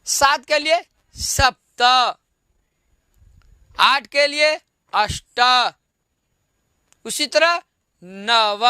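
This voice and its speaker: Slow, bright-voiced patient teacher. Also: high voice, no room sound. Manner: patient drilling, repeats each form and quizzes the pupils. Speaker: Sanskrit teacher. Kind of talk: online class lesson.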